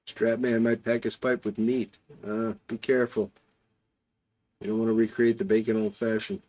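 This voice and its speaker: A man's voice: fairly low pitch, level tone, normal speed, darkish tone. A man hosting an online club hangout, chatting casually and off the cuff as he answers comments from viewers. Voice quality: gravelly, creaky voice. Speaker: host of an online pipe club.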